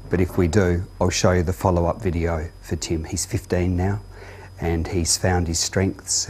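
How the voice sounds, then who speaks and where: A middle-aged man presents a parenting workshop, his voice very low and husky. He explains earnestly and leans on his key points. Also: darkish tone. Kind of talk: workshop talk to an audience.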